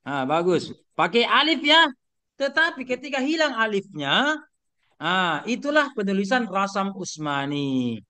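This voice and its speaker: A man's voice: high voice, very animated, a little slow, bright, forceful tone. A middle-aged man lecturing an online class, asking his students questions and repeating points with many fillers. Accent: Indonesian.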